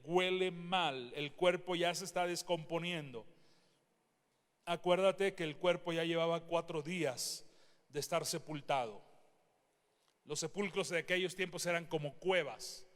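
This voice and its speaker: A man preaching a sermon with emphatic delivery, rising to shouts and asking the listeners questions. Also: high-pitched, big-room sound. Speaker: pastor.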